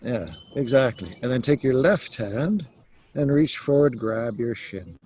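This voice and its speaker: A man leading a yoga class, calmly cueing each stretch step by step. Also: mid-range voice, a little hiss or hum. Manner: slow, calm cueing of stretches. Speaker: yoga teacher. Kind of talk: guided yoga instruction.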